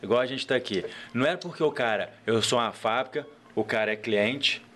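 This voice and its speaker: With a brisk, medium-pitched voice, this man appears as a guest entrepreneur on a podcast, chatting casually. He tells his stories with animation and leans often on fillers, especially "cara," while slight noise sits in the background.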